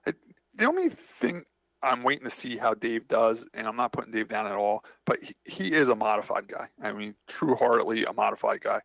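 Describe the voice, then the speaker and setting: A low, gravelly male voice in loose conversational chat. He rambles and gets animated as he tells a story. The sound is close and dry, with no room around it. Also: brisk, dry recording, low-quality recording. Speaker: podcast co-host and racer. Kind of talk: casual chat.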